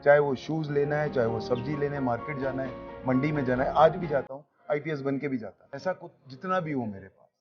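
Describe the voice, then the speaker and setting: A man in his sixties speaks calmly and reflectively, encouraging his guest with a mid-range voice. Faint music runs under the talk. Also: medium pitch, fairly quick, few pauses, highs cut off. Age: 60s. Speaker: interviewer, police officer. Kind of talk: casual conversation.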